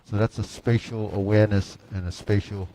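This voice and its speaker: A man teaching tai chi, calling out movement cues in calm, measured short phrases with pauses between them. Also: fairly low pitch, poor audio. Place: large mirrored wood-floored indoor studio. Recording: faint room noise.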